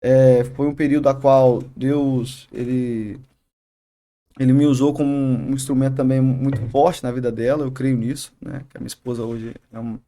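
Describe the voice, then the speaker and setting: A man, a barber and youth leader, telling his faith story in a podcast interview, halting often and tagging sentences with "né?". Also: medium pitch, steady tone, dark tone. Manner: halting, many restarts and "né?" tags. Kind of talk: emotional testimony in casual interview.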